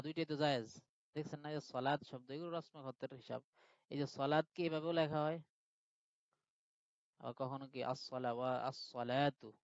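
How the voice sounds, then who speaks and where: A man with a fairly high voice teaching a live online grammar class. He walks through each point patiently and keeps asking whether his students follow. The sound is dry, close and a little muffled. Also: a little mellow, no room sound. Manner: patient step-by-step explaining, checks in with students.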